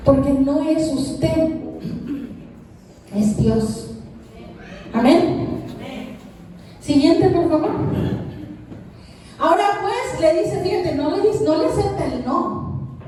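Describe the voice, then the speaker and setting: Woman preacher, high mellow voice, heard from a distance in an echoey hall. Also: takes it slowly, pauses often, a little hiss or hum. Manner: asks the congregation questions, animated. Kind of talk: sermon. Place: church hall.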